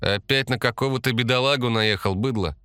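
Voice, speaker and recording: A man's voice: mid-range voice, fairly quick, sharp tone, smooth, dry recording, clean studio sound, voice pushed up, natural voice. A man playing a smug sneering boss. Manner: mocking, sneering.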